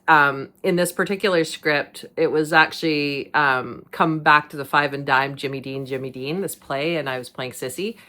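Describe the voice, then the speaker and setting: Middle-aged woman host, low voice, chatty and rambling, laughs often. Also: bright, forceful tone. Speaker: podcast host. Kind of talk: casual monologue.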